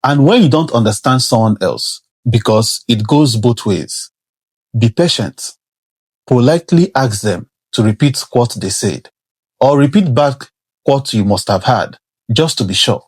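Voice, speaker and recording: A man with a heavy non-native accent talks to camera in an earnest, instructive way. His voice is husky. The sound is dry and close, with no room echo. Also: mid-range voice, expressive, unhurried. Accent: non-native English, heavy. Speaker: career vlogger. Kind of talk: advisory talk to camera.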